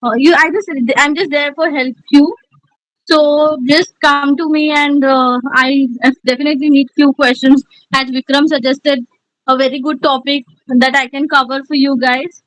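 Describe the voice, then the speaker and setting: Indian woman trainer, high voice, dry close sound, encouraging, many fillers. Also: fairly even intonation, moderate pace, fairly bright tone, no echo, poor audio. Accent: Indian English. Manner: encouraging, filler-heavy with many "you know". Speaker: communication skills trainer. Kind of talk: online class feedback.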